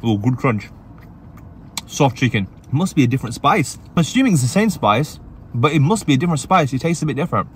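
Upbeat food vlogger in a car. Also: male voice, medium pitch, very animated, brisk, slight background noise. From England. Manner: upbeat, chatty, talks while eating. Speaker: food reviewer and channel host. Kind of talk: casual food review vlog. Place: inside a parked car.

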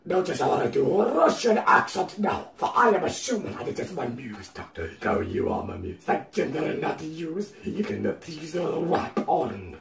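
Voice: mid-range voice, big pitch swings, normal speed, hardly any pauses, a crowd in the background, close to an everyday voice. A performer voicing a gloating, theatrical villain showman in a fan audio drama. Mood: scheming. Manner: gloating, theatrical, wildly swooping delivery. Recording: roomy, distant home mic.

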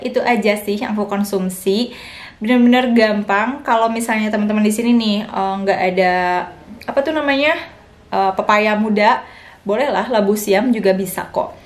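A woman's voice: mid-range voice, normal speed. A young woman, chatting frankly to her viewers as a vlogger and new mother, and acting out what others said to her in a raised voice. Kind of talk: casual chat to viewers.

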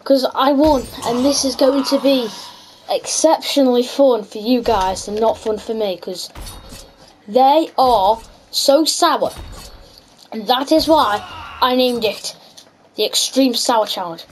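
A woman's voice: on the high side, slow pace, slight background noise, poor audio. A woman giving chatty, casual gameplay commentary as host, reacting aloud to the game. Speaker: gaming video host. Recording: music behind the voice. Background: background music.

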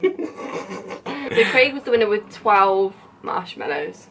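A woman's voice: medium pitch, animated, takes it slowly, a bit bright, a little hiss or hum. A woman in her twenties bantering casually in a bossy, sweary way as a vlogger. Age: 20s. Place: small room at home, indoors.

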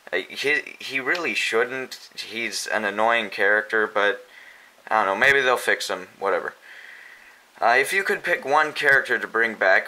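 A man's voice: fairly low pitch, pushed and bright, low-quality recording. A young man casually answering viewer questions as host of a fan video, chatty and unscripted, with many fillers and restarts.

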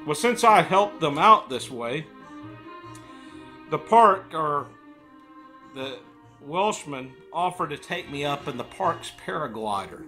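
A man's voice: on the high side, expressive, slow pace, long pauses, sharp tone, soft background music. A man in his fifties telling stories casually to camera, often with a pipe held in his mouth as he talks. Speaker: storyteller. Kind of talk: casual storytelling monologue to camera. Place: living room, indoors.

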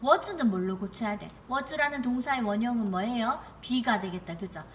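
A young woman teaches an English grammar lesson in a fairly high voice. She keeps asking her viewers questions and reads each example sentence slowly, with a faint hiss behind her. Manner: coaxing, asks students rhetorical questions. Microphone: computer mic while writing with a mouse.

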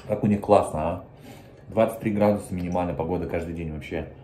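Deep-voiced man talking with his mouth full. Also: steady tone, quick pace, dark tone, slight background noise. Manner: rambling, chatty, stumbles over words. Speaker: mukbang vlogger. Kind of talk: casual chat while eating. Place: indoors at a table, eating. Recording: echoey room, faint dish clatter.

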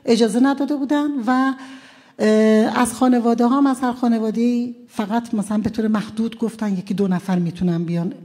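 A woman's voice: fairly high pitch, steady tone, mellow. A woman from Iran, a defense lawyer, recounting courtroom events at a press conference in a conversational way, with frequent hesitant fillers.

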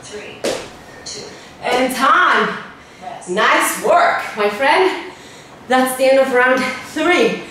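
A woman's voice: high-pitched, expressive, drawn-out words, long pauses, noisy background. A woman fitness instructor coaching a workout with short encouraging cues, out of breath as she exercises along. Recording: roomy, from far off.

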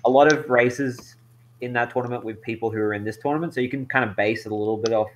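A man giving casual race commentary, practical and organizing, with halting restarts. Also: medium pitch, fairly even intonation, a little hiss or hum, poor audio.

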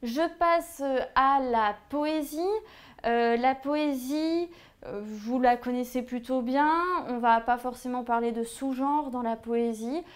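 A woman's voice: fairly high pitch, slow. A young woman teaching an exam revision lesson, hesitant and full of fillers as she writes on a board. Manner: hesitant, many "euh" fillers. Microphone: writing on a board while talking.

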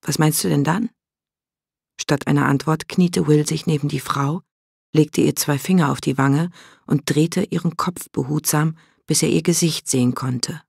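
A man narrating an audiobook in a measured, dramatic storytelling manner. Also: on the high side, steady tone, vocal fry, a little mellow, breathy edge, dry recording, clean studio sound.

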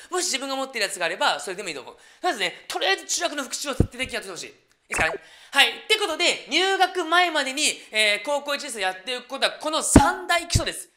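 A man's voice: high voice, sharp tone, a little hiss or hum. A man in his thirties, an English cram-school teacher giving study advice in a casual lecture style, chatty and encouraging, with frequent tag particles and fillers.

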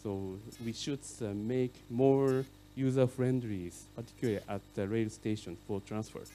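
A middle-aged man whose first language is Japanese gives a conference keynote lecture in English, speaking haltingly with many fillers. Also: mid-range voice, mellow, slight background noise. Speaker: keynote speaker on urban rail.

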